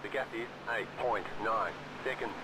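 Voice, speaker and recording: A man's voice: lowish voice, normal speed, very noisy. A man giving terse race spotter calls to a driver during a sim race. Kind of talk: live sim racing team talk.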